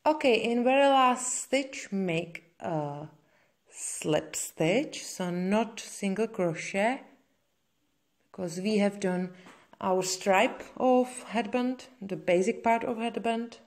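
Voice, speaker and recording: In a spoken crochet tutorial, a Czech woman explains each step in simple, somewhat hesitant non-native phrasing. She speaks with a Czech accent, at a slow pace and medium pitch.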